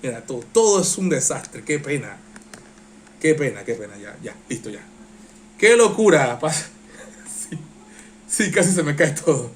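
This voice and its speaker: A man's voice: fairly high pitch, unhurried, pauses often, slight background noise. A man with a Panamanian accent hosting a live-stream reaction show, talking passionately and getting worked up. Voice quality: strains his voice. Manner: excitable, passionate, gets worked up. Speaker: live-stream political commentator.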